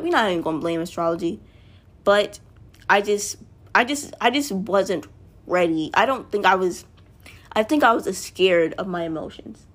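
With a mid-range voice, a woman chats casually to her listeners in a loose, rambling monologue. She often corrects herself mid-sentence and calls out to the audience.

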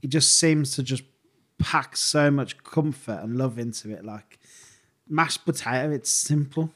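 A man with a Birmingham accent, co-hosting a podcast in casual chat, enthusiastic and quick to laugh. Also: mid-range voice, fairly bright tone. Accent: Birmingham English. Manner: enthusiastic, laughs often, says "banging" and "mate". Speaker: podcast co-host.

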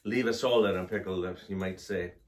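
A man co-hosting a casual chat, telling jokes in a playful, unhurried way. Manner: slow, playful joke-telling with lively pitch. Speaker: co-host.

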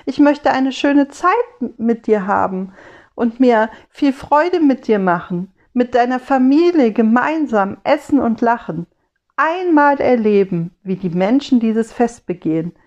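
A woman voicing a gentle, wistful Christ child who speaks in soft, earnest rhymes, on a slightly dull lo-fi recording. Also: a little high.

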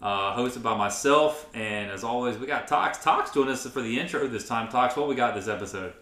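Bright-voiced podcast host. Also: male voice, medium pitch, normal speed. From North Carolina. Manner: upbeat, laid-back, laughs easily. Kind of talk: casual chat. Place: small local studio.

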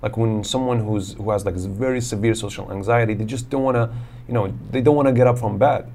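Male podcast host, lowish voice, halting casual questions, faint background noise. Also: gravelly, darkish tone. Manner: hesitant, repeating words before questions. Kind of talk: casual conversation.

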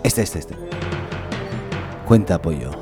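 A man hosts a casual podcast and talks in an easygoing, soft-spoken way. His voice sits fairly low. He keeps the chat loose and relaxed with his guest. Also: slow pace, over music. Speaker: podcast host.

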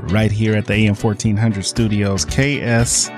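Man doing live AM radio sales patter. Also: little pitch movement. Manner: repetitive pitchman delivery with drawn-out words. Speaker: radio shopping show host. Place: small dry AM radio studio. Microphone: close studio microphone. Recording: music playing behind a dry studio voice.

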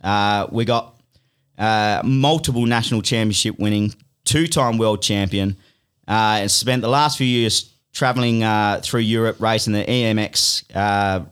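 A man's voice: fairly low pitch, measured pace, a bit bright, clear, resonant tone. A young Australian man hosting a casual podcast while hungover, bantering and interviewing in slangy, laddish, sweary talk. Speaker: podcast host. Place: podcast studio.

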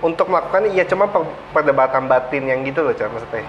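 A man's voice: mid-range voice, animated, fast talker. A man in his late twenties with a Jakarta accent, speaking casually in colloquial Jakarta slang. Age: late 20s. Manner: colloquial, peppered with filler slang and English words. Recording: muffled, with clear background noise.

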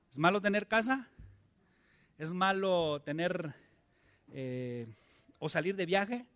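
A man's voice: fairly high pitch, fairly bright tone. A male pastor, preaching a conversational sermon and asking his congregation many questions.

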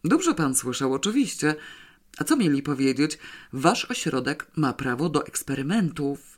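A man's voice: a little high, sing-song, normal speed. A man doing a coaxing press photographer. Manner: coaxing, smooth.

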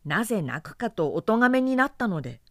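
A woman's voice: mid-range voice, sing-song, fairly bright tone, dry recording, clean studio sound, pitched above the performer's own voice. An earnest young storm god pleading, as a woman narrator puts him on. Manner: polite, rapid pleading speech.

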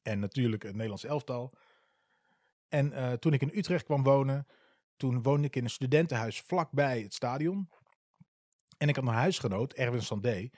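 A man's voice: mid-range voice, moderate pace, pauses often, a little mellow, no echo, studio quality. A man in his forties from the eastern Netherlands, telling his story in a candid, casual way with many hesitant filler sounds. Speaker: football club supporter.

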